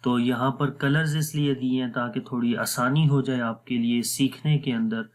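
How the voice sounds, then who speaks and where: A man with a Pakistani Urdu accent teaching Quran recitation rules in a patient, explanatory lesson, drawing out words slowly to demonstrate them. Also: medium pitch.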